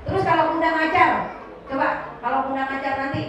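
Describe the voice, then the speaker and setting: A woman giving a religious parenting talk to parents, lively and often laughing as she acts out little exchanges. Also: high-pitched, fast. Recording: echoey hall, distant mic, dull and noisy.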